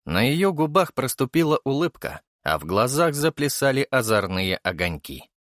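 A man narrating first-person fiction for an audiobook in an expressive, animated manner. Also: mid-range voice, normal speed, no echo, clean studio sound.

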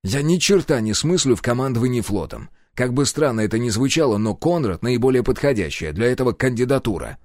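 A stubborn, reluctant hero, read by a man in an audiobook. He answers bluntly and gruffly, swearing when pressed, and his pitch moves a lot. The sound is dry and close. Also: expressive, a little fast, few pauses, a little mellow, dry recording, natural voice. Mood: defiant.

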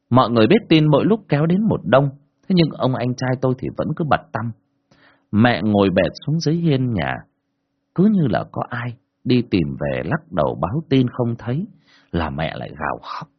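A man narrates a horror story in a dramatic, expressive way, his pitch rising and falling a lot. His voice is husky, and the recording sounds dull and lo-fi.

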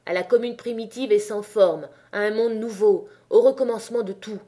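Woman voicing a quiet, fanatical male anarchist. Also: mid-range voice, normal speed, natural voice. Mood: fervent. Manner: soft, then fervent.

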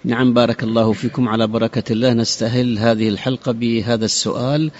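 A man's voice: mid-range voice, flat delivery, fast, darkish tone, dull audio. A man hosting a radio program in formal standard Arabic, presenting and reading out listener questions with courteous phrasing.

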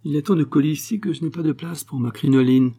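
A man's voice: fairly high pitch, quick pace, mellow, pitched above the performer's own voice. A man voicing a scheming foreign woman spy, brazen and wheedling. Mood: sociable.

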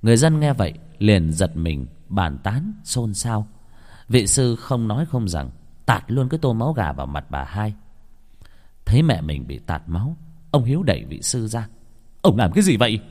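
Low-voiced man telling a ghost story. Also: very animated, normal speed, dark tone. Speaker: narrator. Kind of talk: scripted horror story narration. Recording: long hall reverb.

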